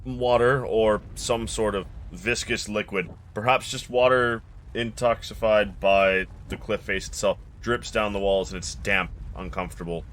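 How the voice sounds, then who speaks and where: Bright, forceful male game master narrating. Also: on the low side, steady tone, slight background noise. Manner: ornate, deliberate storytelling. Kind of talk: dramatic tabletop game narration.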